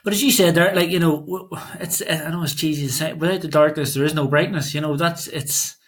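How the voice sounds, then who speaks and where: A man's voice: fairly high pitch, steady tone, a little fast. A man interviewing a guest, encouraging him with short replies. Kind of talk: casual interview chat.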